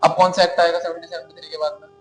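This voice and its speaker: A man's voice: on the high side, flat delivery, racing, a little hiss or hum, poor audio. A man with an Indian accent giving a classroom lecture, asking his students questions and answering them himself, often checking in with "okay?". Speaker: teacher.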